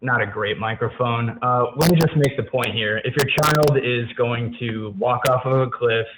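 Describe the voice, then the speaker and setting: A man speaks through a built-in laptop microphone that clips and distorts on every peak, with a faint hiss underneath. He argues in a casual, halting way, filling pauses with ums and uhs. His voice sits at an ordinary middle pitch for a man. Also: narrow, tinny audio. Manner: hesitant, full of ums and uhs. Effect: clipping, distorted laptop mic that peaks. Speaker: caller in a debate. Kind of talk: casual argumentative call. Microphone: laptop built-in mic.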